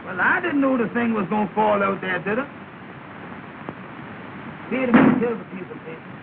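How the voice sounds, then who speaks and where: Amos, a high, jittery timid fellow. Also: male voice, animated, normal speed, vocal fry. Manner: nervous, folksy and ungrammatical. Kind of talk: 1930 film comedy acting. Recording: tinny, hissy 1930 film soundtrack.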